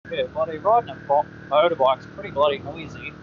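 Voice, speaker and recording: Casual Australian rider, slightly high voice, heard through a muffled helmet mic over loud wind and engine roar. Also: male voice, fairly quick. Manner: laid-back, swears casually, talks to himself while riding. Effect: voice picked up by a helmet-mounted mic while riding. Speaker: motorbike vlogger. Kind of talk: casual riding commentary. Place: outdoors on a motorbike on rural roads.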